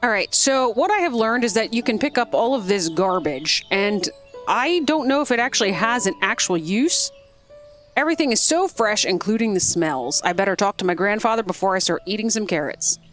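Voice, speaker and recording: A woman's voice: mid-range voice, lively intonation, normal speed, a bit bright, soft background music. Chatty woman streaming a game. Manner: chatty, rambling, lots of fillers. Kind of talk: casual gameplay commentary.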